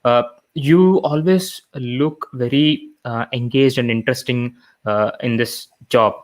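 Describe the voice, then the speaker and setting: A man's voice: medium pitch, unhurried. A man who is not a native English speaker, asking questions in a casual interview.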